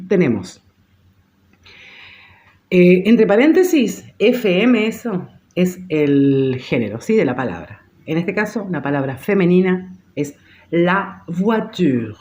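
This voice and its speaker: A French teacher who gives a patient lesson, repeats words slowly and often checks in with short questions. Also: mid-range voice, mellow, muffled recording. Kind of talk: language lesson.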